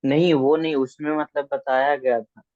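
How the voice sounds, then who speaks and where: A man's voice: fairly high pitch, flat delivery, normal speed, a little mellow, dry recording. A male student giving hesitant, respectful answers to his teacher. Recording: tinny phone-like line, dry.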